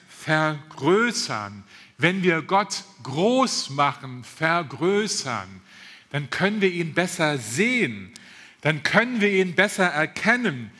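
A man preaching a sermon with a high, bright voice, taking his time and leaning hard on each repeated phrase. His voice carries a long reverb through a church hall. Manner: emphatic, repeats key phrases, stretches words slowly.

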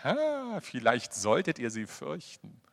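A male preacher delivering a sermon, acting out quoted voices and swinging between emphatic passages and quiet, confiding asides. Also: mid-range voice, slow pace, creaky. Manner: animated, acts out quoted voices. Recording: long hall reverb.

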